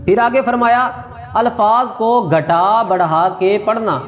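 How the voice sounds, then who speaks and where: A man's voice: high-pitched, steady tone. A man teaching religious rules on prayer and correct recitation, explaining step by step and repeating his points. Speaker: qari teaching Quran recitation. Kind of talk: religious lesson on prayer and tajweed. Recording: echoey hall reverb.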